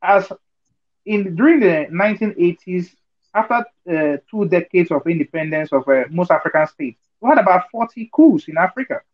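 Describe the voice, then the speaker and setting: In an online group discussion, a man from Nigeria argues his case over video call with a fairly high voice, lively intonation, and a moderate pace. He is earnest and argumentative, full of fillers, and keeps asking whether listeners follow. The audio is dull and lo-fi, like compressed call sound.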